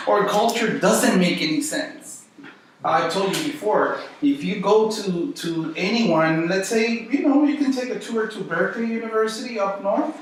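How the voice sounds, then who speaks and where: A man's voice: high voice, measured pace. A man with a Guatemalan, Central American accent teaching a small Bible study group informally, with rhetorical questions and repetition. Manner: conversational, uses rhetorical questions and repetition for emphasis. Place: echoey indoor room. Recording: echoey room, distant mic, faint noise.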